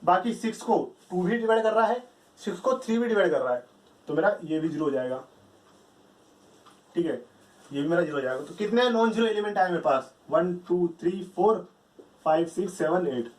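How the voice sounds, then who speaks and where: A man's voice: high voice, animated, a little fast. A man teaching math at a board, explaining step by step and repeating key phrases. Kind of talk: whiteboard lecture. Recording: echoey room, voice from a distance.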